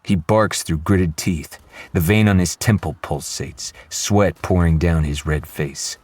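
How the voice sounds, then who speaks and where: A man narrating a first-person audiobook with low, restrained menace. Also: a little slow, darkish tone, dry recording.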